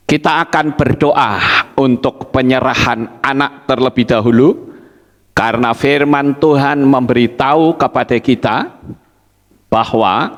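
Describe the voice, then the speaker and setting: A man leading a church service as pastor, speaking deliberately and often addressing the congregation directly. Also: mid-range voice. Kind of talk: sermon and church announcements. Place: church hall. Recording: church hall reverb.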